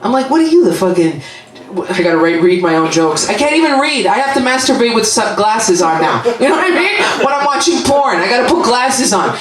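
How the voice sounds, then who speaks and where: Canadian woman comic, brash and swearing, swooping pitch, roomy club sound, mic at a distance, loud crowd. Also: very animated, a little fast, hardly any pauses. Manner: brash, profane, chatty, laughing at own jokes. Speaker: stand-up comedian. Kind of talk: stand-up set with crowd work. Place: comedy club stage.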